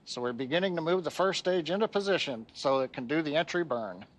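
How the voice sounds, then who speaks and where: Male webcast host: slightly high voice, live technical launch commentary. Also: animated, fast talker.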